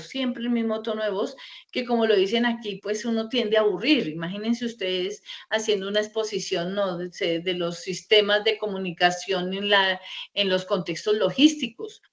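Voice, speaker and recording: A woman's voice: mid-range voice, fairly even intonation, moderate pace. Chatty woman teaching a web class. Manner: conversational, many fillers and rhetorical "¿sí?". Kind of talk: online class lecture. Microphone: video call.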